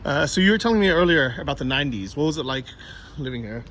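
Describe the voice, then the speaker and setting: A man's voice: a little high, lively intonation, quick pace, fairly bright tone. A man hosting a casual travel vlog, chatty and asking questions as he walks city streets. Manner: chatty, laughs often, asks questions. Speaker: travel vlogger host. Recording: noisy street recording.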